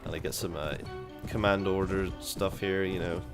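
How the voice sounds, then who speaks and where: A man's voice: low voice, steady tone, normal speed, over music. A young man giving casual, chatty commentary while playing a game, thinking aloud and swearing casually. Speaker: gaming video host.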